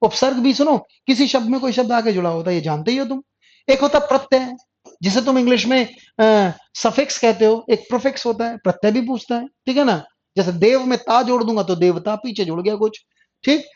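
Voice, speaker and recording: A man's voice: very high voice, fairly quick, darkish tone. A male Hindi grammar teacher giving an online class lecture, who asks his students questions and answers them himself and repeats the key terms. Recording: dull lo-fi recording.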